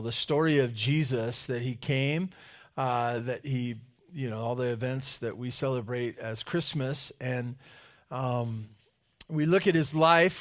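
A male pastor delivers a sermon into a pulpit microphone in a church sanctuary. He takes his time, speaking in an earnest, unhurried way at a middling pitch. He moves between his own reflections, scripture reading and prayer.

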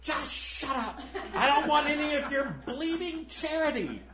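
A man voicing a self-righteous male ghost who demands his rights in a high, whiny, strained voice. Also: animated, a little slow, crowd noise. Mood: indignant. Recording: roomy echo.

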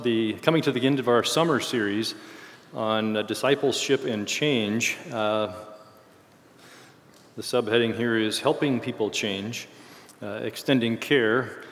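A church teacher leading a discipleship series gives an informal Bible lesson to a group in a large, echoing room, and the recording carries that reverberant hall sound. His medium-pitched voice is a little worn and slightly failing as he gets over a cold, and he explains things in halting phrases, correcting himself along the way.

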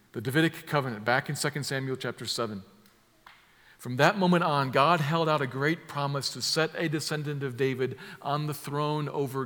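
A man preaching a sermon, drawing listeners into vivid scenes, moving from hushed asides to loud emphatic lines. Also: medium pitch, in a large hall. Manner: emphatic, builds from soft to loud with vivid imagery.

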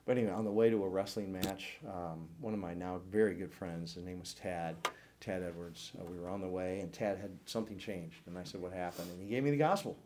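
A man in his sixties from the St. Louis area in the United States shares his personal faith testimony with a church class. He speaks earnestly and reflectively, with a deep voice at a fairly quick pace, and there is background noise.

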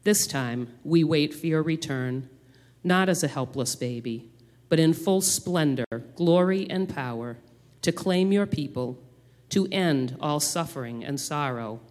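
A man's voice: a little high, a little slow, darkish tone. A man speaking as a church elder, addressing the congregation with announcements and public prayer. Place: church sanctuary. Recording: long hall reverb.

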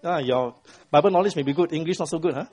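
A man's voice: a little high, quick pace. A middle-aged man teaching a Bible class, quizzing his students and tagging points with "right?". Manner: quizzes the class, constant "right?" tag questions; retells the story with lively voiced quotes. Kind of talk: interactive Bible lesson to a class.

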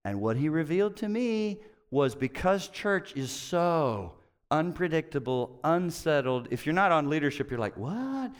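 Animated middle-aged male pastor, lively pitch. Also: normal speed, clear, resonant tone. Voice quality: hard of hearing. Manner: animated storytelling, acts out quotes with big pitch jumps. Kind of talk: conversational sermon.

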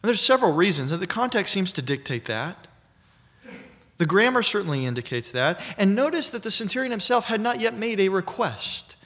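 A man preaching an expository sermon in a measured, emphatic teaching manner. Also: sits high, sing-song, fairly bright tone.

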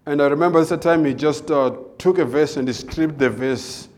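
A man, a guest preacher giving his personal testimony with many hesitant filler pauses. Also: fairly high pitch, darkish tone. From South Africa. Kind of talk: personal testimony before a sermon.

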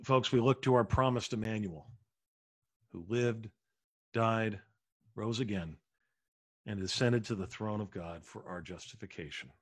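Earnest man preaching with hushed endings. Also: lowish voice. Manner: earnest preaching with slow, drawn-out emphasis and soft hushed endings. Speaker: pastor. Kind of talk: sermon.

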